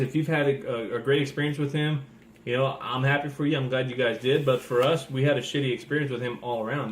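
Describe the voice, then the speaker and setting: A man's voice: medium pitch, a little hiss or hum. Blunt, swearing man in an echoey room. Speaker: toy collector giving a video rant. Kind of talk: casual opinionated rant.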